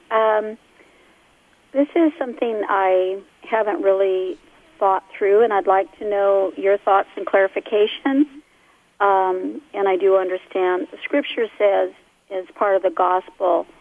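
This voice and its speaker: A woman calling in to a radio show over a phone line, polite and deliberate in how she phrases her question. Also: medium pitch, fairly even intonation, no room sound. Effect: heard over a phone line.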